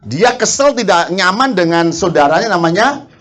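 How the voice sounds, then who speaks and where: Lively high-voiced male preacher from Sumatra. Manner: asks the congregation questions, quick laughs, acts out quarrels. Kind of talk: lively sermon.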